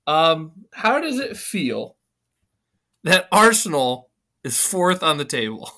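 A man co-hosting a sports podcast in casual banter, excitable and teasing, with slightly slurred, numb-mouthed speech. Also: on the high side, slow.

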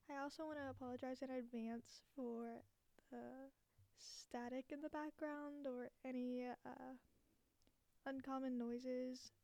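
Young woman under a blanket, creaky and high. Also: warm tone, dry recording. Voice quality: muffled, as if talking under a blanket. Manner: giggly, self-deprecating. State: slightly breathy from the warmth under a blanket. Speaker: podcast host. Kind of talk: casual, unscripted solo podcast chat. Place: small dorm room, under a blanket. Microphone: cheap basic recording gear, close up.

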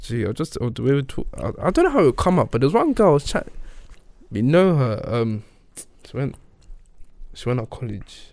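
Animated young man, London roadman accent. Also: mid-range voice, brisk, dry recording. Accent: London, urban roadman slang. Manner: emphatic, repetitive, slangy. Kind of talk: casual group discussion.

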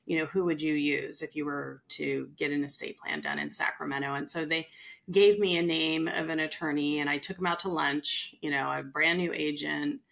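A middle-aged Californian woman with a low, gravelly, creaky voice chats at a moderate pace on a casual podcast about her real estate work. She's an animated storyteller who often slips into the voices of the people she quotes.

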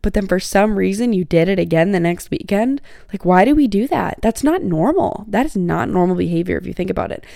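A woman's voice: mid-range voice, lively intonation, fairly quick, vocal fry, few pauses, mellow, no echo, clean studio sound. A woman in her twenties hosting a solo podcast, chatty and frank, with many "like" fillers. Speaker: podcast host. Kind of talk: casual solo podcast advice.

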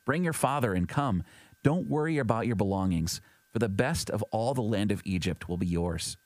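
Low-voiced man reading scripture. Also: animated, moderate pace, no echo. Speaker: scripture reader. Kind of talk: steady scripted Bible reading.

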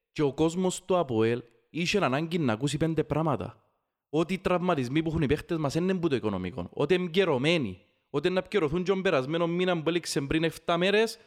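Higher-voiced Cypriot Greek man, emphatic. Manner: emphatic, opinionated, repeats phrases for emphasis. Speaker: football fan podcast host. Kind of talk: casual heated football discussion.

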